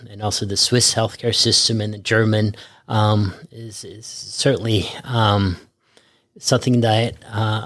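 A man in his fifties from Norway, a guest physician speaking reflectively with many pauses and fillers. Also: lowish voice, no echo, studio quality. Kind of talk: podcast interview.

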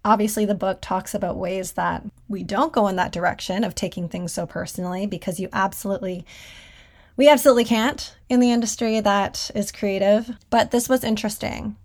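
A woman's voice: mid-range voice, steady tone, fairly quick, a little mellow. A woman hosting a solo podcast from her closet at home, talking casually and conversationally with a self-deprecating streak. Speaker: podcast host and designer. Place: small clothes closet at home.

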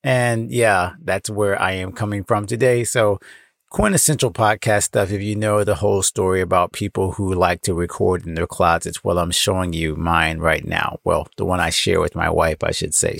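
A man's voice: low-pitched, steady tone, normal speed, creaky, a bit bright, dry recording, clean studio sound. An American man hosting a podcast, talking to his listeners in an encouraging, emphatic way. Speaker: podcast host and founder. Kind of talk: solo podcast talk, addressing listeners. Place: clothes closet at home.

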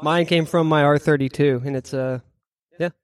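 A man's voice: fairly high pitch, fairly even intonation, normal speed, clear, resonant tone. A man co-hosting a casual, slangy chat with agreeable interjections, recorded in a garage. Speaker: co-host.

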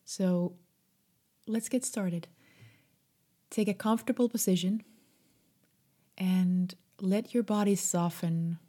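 A woman guiding a meditation in a soft, breathy, half-whispered voice, gentle, soothing and unhurried. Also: lowish voice. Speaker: meditation guide. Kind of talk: slow guided meditation.

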